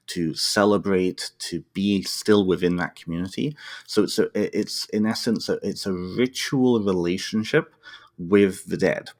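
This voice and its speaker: A man with a very low voice, from North Wales, answering interview questions from his home. His delivery is thoughtful and unhurried, full of small restarts and fillers as he works toward each point. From North Wales, United Kingdom. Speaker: podcast guest, therapist and author. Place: home, dog barking at times.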